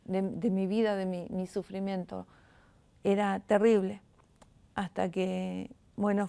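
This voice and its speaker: As a guest in an interview, a middle-aged Rioplatense Spanish speaker shares a moving personal testimony, stumbling and frequently starting her sentences over. Her mid-range voice is smooth and warm.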